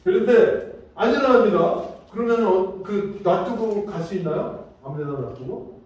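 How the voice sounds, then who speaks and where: A man giving a safety training lecture, telling lively stories and acting out examples. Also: high voice, unhurried. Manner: lively storytelling with acted-out examples. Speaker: safety instructor. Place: large lecture room. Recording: echoey hall, mic far off.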